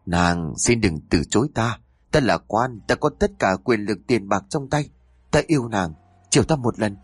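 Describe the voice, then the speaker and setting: A lecherous male official with a low, smug drawl that leers and schemes, voiced by a man telling the story. The voice is husky and close, with a dry sound. The pitch swings widely through his lines. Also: animated, moderate pace, dry recording. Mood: leering.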